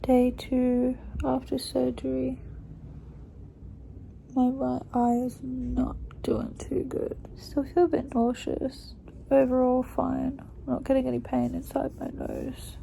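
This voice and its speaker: A woman's voice: sits high, level tone, slow pace, creaky, warm tone, slight background noise, low-quality recording. A young woman vlogging casually about her recovery, sounding sleepy and stuffy-nosed, rambling with lots of "like" and "um". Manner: chatty, rambling, frequent "like" and "um". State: stuffy, congested nose after surgery.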